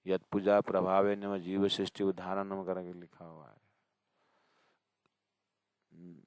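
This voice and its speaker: A man giving a devotional discourse as a spiritual teacher, addressing his listeners directly and repeating verses slowly. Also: sits low, creaky, darkish tone, dry recording.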